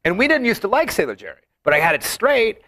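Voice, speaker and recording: A man's voice: high voice, wildly swooping pitch, fast talker, sharp tone. A man with a Southern California accent, chatting casually as a co-host of a talk show. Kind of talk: casual chat.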